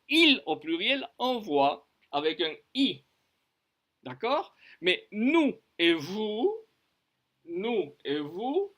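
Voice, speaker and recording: A man teaching a lesson on verb conjugation, slowly repeating and spelling out each form. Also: on the high side, pushed and bright. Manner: slow and deliberate, repeating and spelling out forms; switches between French and Spanish explanations. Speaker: French teacher.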